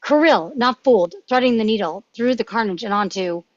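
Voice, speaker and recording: A woman taking part in a table read narrates screenplay action in a fairly high, brisk voice, stressing the punchy action words. The audio is lo-fi, dry and dull, with no echo.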